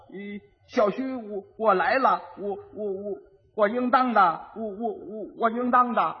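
A man voicing a dim-witted young rich husband who stutters and repeats his words, on a dull old recording with long reverb. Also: sits high.

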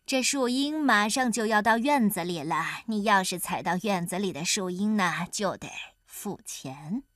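A woman voicing a clever, sly folk-hero man in a children's storybook reading, calm and teasing. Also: medium pitch, no echo, clean studio sound. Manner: calm, teasing, deliberately slow. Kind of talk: storybook character voice.

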